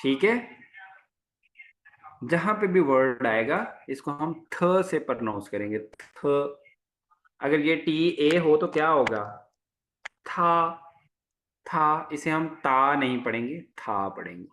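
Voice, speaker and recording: A male teacher takes his class through the sounds one at a time. He speaks slowly in a fairly high voice and says each sound again and again until it sinks in. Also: expressive, a bit bright. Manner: patient, repeats each sound several times. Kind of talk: lecture to a class.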